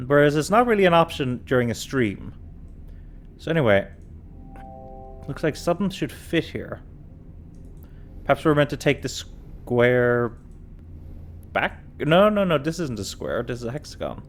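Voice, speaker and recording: A man's voice: medium pitch, big pitch swings, measured pace, long pauses, soft background music. A tired man streaming a puzzle game, talking casually and thinking aloud as he works through it. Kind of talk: casual let's-play commentary.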